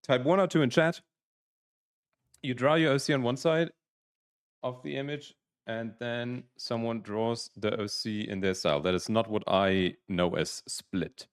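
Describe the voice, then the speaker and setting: A man's voice: medium pitch, unhurried, clean tone, dry recording, studio quality. A man in his twenties chatting casually on a livestream, rambling with restarts while explaining game rules. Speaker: streamer, PhD student.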